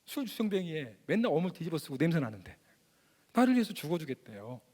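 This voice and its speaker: A man in his forties, a missionary preaching a testimony sermon, telling his story in an animated way and acting out the voices of people he quotes. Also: a little high, fast talker. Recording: reverberant hall.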